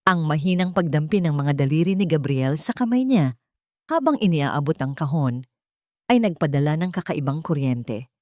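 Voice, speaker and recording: A woman with a Filipino accent narrates a scripted dramatic story as an audiobook reader. Her voice sits low with a dark tone, very animated and at a normal speed. The studio recording is clean with no room sound.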